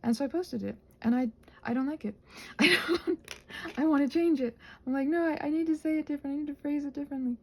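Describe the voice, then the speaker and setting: A woman with a high voice talks quickly in a casual, rambling ASMR vlog while she crafts. She's soft-spoken and self-deprecating, thinking aloud in a meandering way and sometimes dropping toward a whisper.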